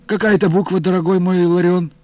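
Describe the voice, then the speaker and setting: A man voicing a tipsy, playful young male student who speaks in an excited, affectionate, raised voice. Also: high-pitched, fast, no room sound, pitched above the performer's own voice, close to an everyday voice. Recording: dull dry studio audio, faint music.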